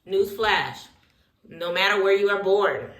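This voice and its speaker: A woman's voice: medium pitch, lively intonation, a little slow, fairly bright tone, echoey room. A woman hosting a casual reality TV recap while getting ready, talking in a sassy, opinionated way full of slang and asides. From Haitian heritage.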